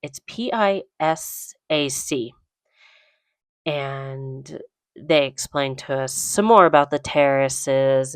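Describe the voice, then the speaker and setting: Woman narrating her vacation, slow and chatty, dry close sound. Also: extremely low pitch, clear, resonant tone, dry recording. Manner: rambling, unsure of place names. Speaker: trip narrator. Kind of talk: casual travel voice-over.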